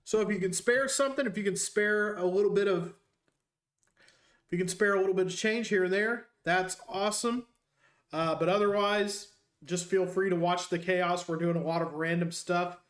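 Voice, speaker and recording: A man streaming a racing game and joking his way through casual, rambling commentary as a high school teacher. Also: normal speed, fairly bright tone, roomy sound. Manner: jokey, rambling, self-mocking.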